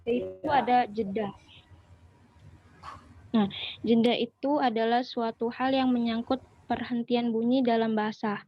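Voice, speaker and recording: A woman explaining a linguistics lesson, pausing often on fillers as she talks. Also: on the high side, steady tone, lo-fi sound, faint music behind. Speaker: student presenter.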